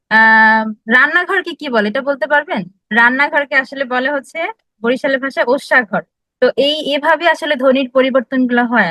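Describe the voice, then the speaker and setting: A woman giving a classroom lecture, explaining step by step, asking her listeners questions and pausing often with filler sounds. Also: high-pitched, fairly bright tone, dry recording, low-quality recording. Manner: explanatory, frequent filler sounds and restarts, asks the audience questions. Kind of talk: classroom lecture on language history.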